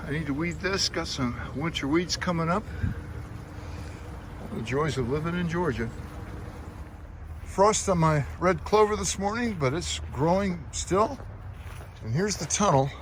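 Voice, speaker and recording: With a slightly high, expressive voice, this American garden vlogger speaks a little slowly and pauses often as he explains things in a casual, plainspoken way. The outdoor recording in his home garden is noisy with traffic and ambient sound.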